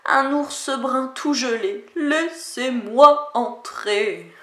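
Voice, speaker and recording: Une femme fait la voix d'un gros ours brun gelé, qui parle lentement et lourdement. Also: female voice, high voice, extremely slow, sharp tone, roomy sound, full character voice. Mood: pleading. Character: big heavy brown bear, frozen.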